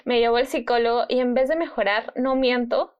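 A young woman giving an emotional faith testimony, halting, with many fillers and restarts. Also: fairly high pitch, steady tone, clean tone, lo-fi sound. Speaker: guest sharing testimony.

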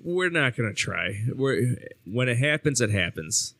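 A man's voice: mid-range voice, big pitch swings, unhurried, gravelly, bright, forceful tone, no room sound. A man co-hosting a podcast, chatting casually, joking and mocking himself. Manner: joking, self-mocking, laughs often. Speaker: podcast co-host. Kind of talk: casual chat over drinks.

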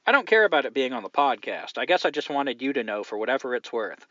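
A man's voice: mid-range voice, very animated, fast, bright, forceful tone, dry recording, muffled recording. A man reading as an earnest male listener. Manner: reading a listener's letter aloud.

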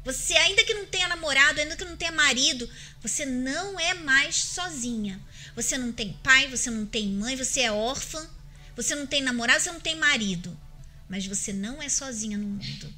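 Earnest Brazilian woman, high bright voice. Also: lively intonation, a little fast. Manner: earnest, emphatic, addresses listeners directly. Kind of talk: faith-based advice chat.

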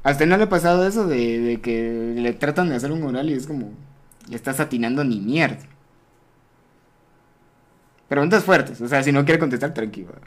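A man's voice: medium pitch, expressive, moderate pace, pauses often. A young Mexican man hosting a casual, crude live podcast close to the mic, joking and laughing often. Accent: Mexican Spanish. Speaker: podcast host. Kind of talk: casual live-stream chat.

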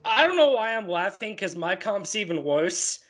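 Male co-host with a higher voice, jokey and self-deprecating. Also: sing-song, normal speed, fairly bright tone. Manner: self-deprecating, laughs easily. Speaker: co-host analyst. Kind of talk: casual sports talk.

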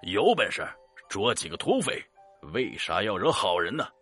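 A man's voice: lowish voice, very animated, moderate pace, fairly bright tone, breathy edge, soft background music, heavily acted. A man voicing a stern, upright older village doctor who speaks firmly and scolds. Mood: angry. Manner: firm, scolding.

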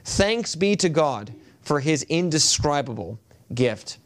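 A male pastor preaching a sermon at a pulpit microphone in a church. He reads scripture in a measured way and often halts with fillers when he speaks freely. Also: fairly high pitch, sing-song. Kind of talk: sermon with scripture reading and prayer. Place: church sanctuary.

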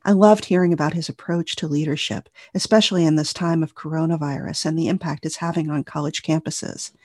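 Woman podcast host, kinda husky voice, friendly questions. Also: deep voice, steady tone, fairly quick. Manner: warm, scripted introduction then friendly questions. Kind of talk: podcast interview.

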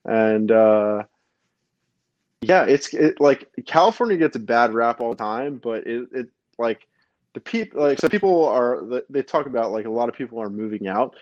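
A Brooklyn-born man hosts a podcast, chatting casually and rambling through fillers and restarts. His voice sits at an ordinary pitch for a man. The sound is muffled and lo-fi, with a dry, close feel. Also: expressive, normal speed, darkish tone, dry recording. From Brooklyn, New York. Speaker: podcast host. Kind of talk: casual chat.

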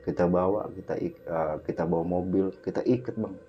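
Faint background music and slight noise sit under this dull lo-fi recording. A man whose voice sits low speaks briskly with fairly even intonation, casually telling a host a vivid, dramatic personal story while constantly calling him "Bang."

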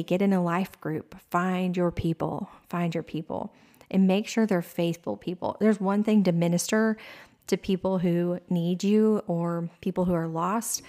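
A woman's voice: fairly low pitch, mellow. A woman giving a conversational devotional teaching, chatty and earnest, with frequent exclamations. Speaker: devotional speaker.

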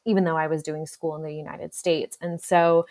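A young woman in her twenties, originally from the Czech Republic, speaks with a notably low voice for a woman. She answers interview questions in an earnest, chatty flow, leaning on "you know" and "um" as she thinks aloud. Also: level tone, normal speed, a little mellow. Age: 20s. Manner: earnest, talkative, frequent "you know" and "um" fillers. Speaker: pharmacy resident guest.

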